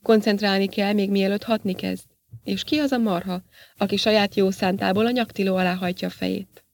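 A woman's voice: mid-range voice, steady tone, vocal fry, a little mellow, lightly acted. A woman voicing a smug, scheming male professor who lectures in a self-satisfied way, read in an audiobook. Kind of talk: audiobook character reading.

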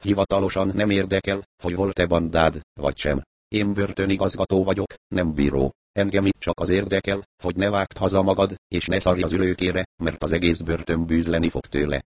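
A man's voice: low-pitched, fairly even intonation, no echo, natural voice. A man voicing a stern, blunt prison director who gives coarse orders. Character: stern middle-aged male prison director.

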